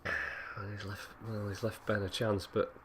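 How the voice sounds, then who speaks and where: A man commentates on a pool match in a relaxed, chatty way. His voice sits low. A faint hiss of noise runs underneath. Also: a little slow. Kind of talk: casual live commentary. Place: pool hall commentary spot.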